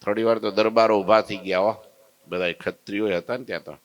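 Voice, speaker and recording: A man's voice: fairly low pitch, steady tone, brisk. A man narrating a devotional story sermon in a vivid, dramatic way. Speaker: religious storyteller.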